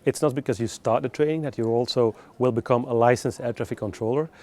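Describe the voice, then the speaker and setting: Answering interview questions, this recruitment specialist explains his points in hesitant, measured non-native English. He is a man with a darkish, mid-range voice.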